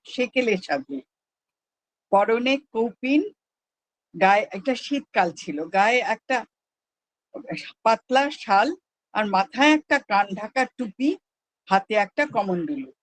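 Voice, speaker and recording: A calm, measured memoir reader. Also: mid-range voice, slight background noise, rough recording. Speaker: reader at a prayer gathering. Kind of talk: reading a memoir aloud.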